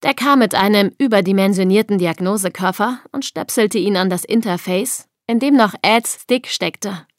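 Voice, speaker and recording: A woman's voice: medium pitch, moderate pace, hardly any pauses, dry recording, clean studio sound. A woman narrating a thriller audiobook expressively, acting out the dialogue.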